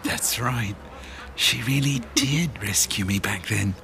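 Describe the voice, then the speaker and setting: An actor playing a nervous, excitable man in an audio drama, full of exclamations and halting in German. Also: mid-range voice, vocal fry, a little hiss or hum, exaggerated voice. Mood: eager, reminiscing. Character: nervous, excitable, self-pleased man, Harry. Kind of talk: bilingual audio drama acting.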